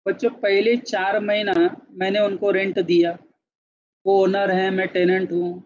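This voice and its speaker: A man with a fairly high voice teaches a class in a lecture style, moving back and forth between Hindi and English. He keeps asking the students whether they follow. The recording is a bit dull and lo-fi, made in a classroom. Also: flat delivery, measured pace.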